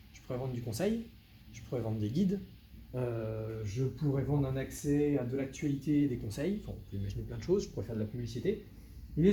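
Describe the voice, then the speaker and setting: Dark-voiced man presenting to a crowd. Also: mid-range voice, a little hiss or hum. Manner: lively, addresses the audience directly with dry asides. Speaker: web consultant giving a meetup talk. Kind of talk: live presentation to an audience. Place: meetup room with an audience.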